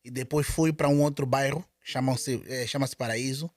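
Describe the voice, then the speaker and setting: His medium-pitched voice is a little mellow and steady, at a moderate pace, recorded with studio quality and no echo. As a guest in a casual interview, the Angolan Portuguese–accented man often falters, repeating words and restarting.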